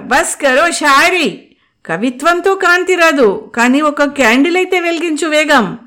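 Woman doing Anu, a loud, bossy young woman. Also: sits high, big pitch swings, pitched above the performer's own voice, exaggerated voice. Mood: brusque. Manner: loud, blunt, quick retorts. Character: bold brusque young woman friend, bossy and teasing.

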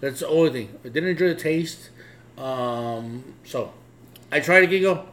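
A man's voice: a little high, measured pace, a bit bright. A man from Mexico hosting a casual chat podcast, joking, swearing and laughing often. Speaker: podcast host.

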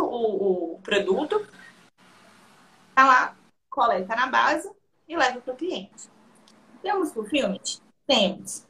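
A young woman with a Brazilian accent tells a story in casual talk, slightly high in pitch. She laughs easily and slips into quoted dialogue as she goes. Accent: Brazilian Portuguese. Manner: lively, laughs often, acts out quoted dialogue. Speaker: interview guest.

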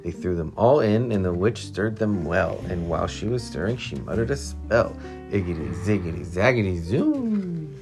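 A woman reading a rhyming picture book aloud to a child at home, with lively storytelling. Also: very deep voice, moderate pace, creaky, few pauses. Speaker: reader to a child. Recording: music playing behind.

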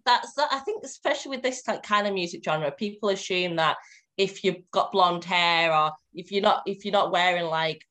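A woman's voice: fairly low pitch, normal speed, a bit bright. A woman in her twenties with a Cumbrian accent, chatting casually and informally as an interview guest. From Cumbria, northwest England. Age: 20s. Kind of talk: casual chat.

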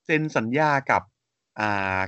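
A man's voice: measured pace, bright, forceful tone, no echo. A man co-hosting a casual podcast chat, reading out facts steadily with frequent hesitant fillers and polite sentence endings. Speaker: podcast co-host. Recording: slightly dull muffled audio.

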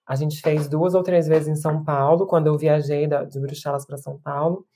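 Low, mellow-voiced woman musician. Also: fairly even intonation, moderate pace. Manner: reflective, with many restarts and tag questions. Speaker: musician and performer being interviewed. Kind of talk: casual interview talk.

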